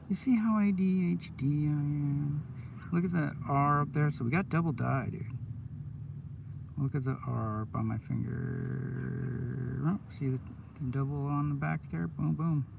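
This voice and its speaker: A man chatting casually on a live stream in his van, rambling and excitable, full of "dude" and "oh my God", sounding stoned. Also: a little high, measured pace, creaky, pauses often, recorded from a distance, phone-quality sound, background noise. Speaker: coin roll hunter streaming live.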